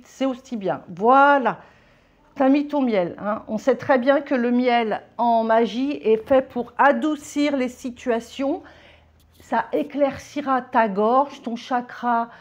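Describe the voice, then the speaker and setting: A woman with a somewhat high voice talks viewers through a homemade ritual in a casual how-to style. She keeps asking whether they are following and drifts between formal and familiar address. The recording is muffled and lo-fi. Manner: chatty, keeps checking in with "ok?" and "d'accord?". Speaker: vlogger teaching a ritual. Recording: dull lo-fi home recording.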